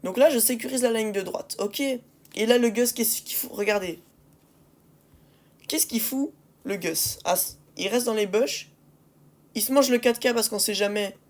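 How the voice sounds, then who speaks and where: A woman's voice: on the high side, moderate pace, darkish tone. A woman giving casual gameplay commentary, exasperated with her teammates and repeating phrases and rhetorical questions for emphasis. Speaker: gaming video creator commentating on match replays.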